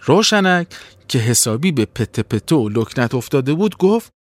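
A man narrating a children's story in an expressive, dramatic way. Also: medium pitch, no room sound.

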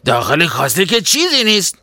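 Rude jeering man, bright and sharp, laughs through his lines, as a male narrator puts him on. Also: a little high, huge pitch swings, no room sound, clean studio sound, exaggerated voice. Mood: puzzled. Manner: mocking, laughing while talking.

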